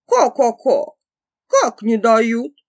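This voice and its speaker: A woman voicing a little male rooster from a folk tale, calling out in loud, frightened, drawn-out cries. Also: a little high, very animated, dry recording, heavily acted. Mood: indignant.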